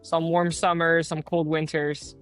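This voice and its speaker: A man's voice: a little high, flat delivery, measured pace, a bit bright, smooth, faint music behind. A young man in his late teens, originally from the Netherlands, answering interview questions in an earnest, casual way with many fillers. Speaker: guest.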